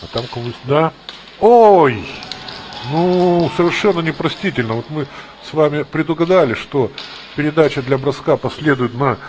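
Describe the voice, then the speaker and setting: A man's voice: a little high, fairly quick, slight background noise. A man giving live play-by-play ice hockey commentary, mixing exclamations with analytical asides.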